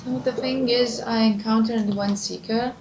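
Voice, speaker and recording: A woman's voice: a little high, steady tone, unhurried. A woman with a non-native accent plays a tabletop game, asking curious questions with small hesitations. Her voice sounds roomy and a bit dull. Faint noise runs underneath. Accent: non-native English. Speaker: player. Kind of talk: casual tabletop play in character.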